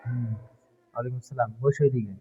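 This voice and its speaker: A male Quran teacher, shouting questions and drilling a class of children, scolding them sternly. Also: mid-range voice, fairly even intonation, fast talker. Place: crowded classroom indoors. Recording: muffled lo-fi, loud children and noise.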